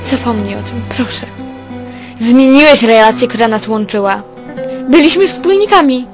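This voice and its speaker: A woman's voice: fairly high pitch, animated, moderate pace, natural voice. A woman reading the lines of a proud, scheming young sultana in a firm, commanding way, with faint music behind.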